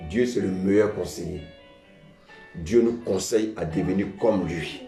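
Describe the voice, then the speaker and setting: A man's voice: deep voice, unhurried, warm tone, faint music behind. French-speaking preacher man in an echoey hall. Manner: preaching with call-and-response; repeats "bien aimé" often. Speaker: pastor. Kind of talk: sermon.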